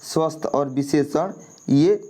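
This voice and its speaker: A man narrates a grammar lesson for exam candidates, his voice sitting a little higher than most men's. He explains each answer patiently and repeats key points, often pausing to check that listeners are following. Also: dark tone. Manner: repetitive, checks in with "ठीक है" often. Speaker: exam prep teacher. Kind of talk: explaining a Hindi grammar quiz.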